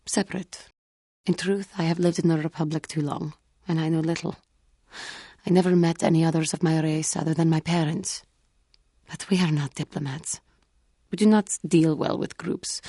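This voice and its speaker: This is video game dialogue for a feline alien warrior monk, voiced by a woman with a low, dark, husky tone recorded close with no room sound. She is solemn and proud with old wounds underneath, speaking in a formal, measured, guarded yet earnest manner and avoiding contractions.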